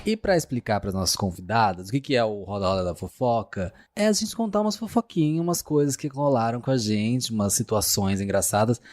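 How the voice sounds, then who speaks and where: A man with a Brazilian Portuguese accent hosting a podcast, talking in a relaxed, chatty way with filler words. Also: mid-range voice, a little fast, hardly any pauses, faint music behind. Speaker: podcast host. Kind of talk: casual podcast chat.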